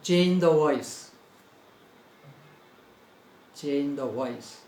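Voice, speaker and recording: In this grammar lesson, a man with an Indian English accent dictates slowly and deliberately, spelling each word one letter at a time and saying every phrase twice. His fairly high, slightly mellow voice echoes around the room, with a little background noise present.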